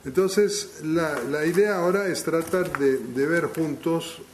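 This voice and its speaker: Here a man lectures live to an audience in a language that isn't his own, his first language not being Spanish. His fairly high voice comes out haltingly, with frequent restarts as he reasons aloud, over a slight hiss or hum.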